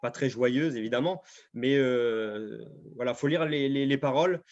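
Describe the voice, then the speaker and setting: A man's voice: mid-range voice, moderate pace, darkish tone. Hesitant, filler-heavy American football coach, male, muffled video-call sound. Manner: hesitant, many fillers and restarts. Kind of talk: casual interview over video call.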